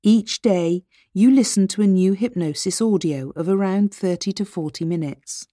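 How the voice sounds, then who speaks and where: A woman reading a scripted hypnosis narration as presenter, with measured, deliberate phrasing that speaks directly to the listener. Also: mid-range voice, dark tone, no echo, clean studio sound.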